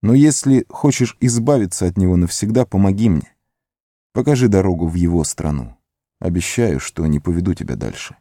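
A man's voice: low-pitched, animated, brisk, dark tone, dry recording, clean studio sound. A man voicing Frodo, a stern and resolute young hobbit, in an audiobook. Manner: stern, commanding. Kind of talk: audiobook character voice.

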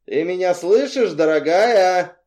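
A male audiobook reader voicing a smug male crime boss who taunts in a drawn-out, mock-tender way. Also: a little high, expressive, warm tone. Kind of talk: audiobook character reading.

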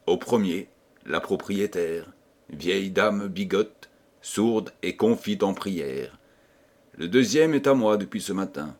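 A man narrates an audiobook at a slow, deliberate pace, his lowish voice rising and falling widely. He gives each character a slight change of voice as he reads. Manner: unhurried, expressive reading that shifts pitch for each character. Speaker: audiobook reader.

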